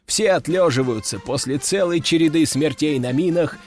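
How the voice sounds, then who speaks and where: A man's voice: a little high, normal speed, a little mellow, soft background music, lightly acted. A man voicing a smug, scheming commander who gives bold orders in an audiobook. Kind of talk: audiobook dialogue.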